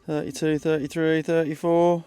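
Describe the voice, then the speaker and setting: A man's voice: on the high side, little pitch movement, normal speed, mellow, smooth, soft background music. A British man in his fifties chatting casually to viewers in an understated way, as a metal detecting vlogger out in an open field. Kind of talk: casual outdoor vlog narration. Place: outdoors in an open grassy field.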